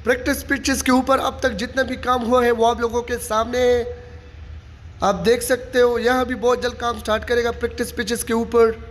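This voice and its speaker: A man with a very high voice talks fairly quickly as he tours a stadium construction site for his viewers, narrating updates and pointing out details. His commentary is steady and informal, and he keeps saying "you can see." The handheld phone recording has long reverb and faint noise from the site.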